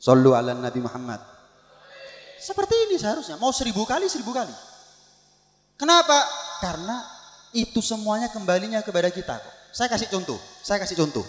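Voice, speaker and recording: A man preaching a religious sermon, telling stories with animated voices for the people in them. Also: high-pitched, quick pace. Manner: animated storytelling, acts out shouted calls. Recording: echoey hall with long reverb.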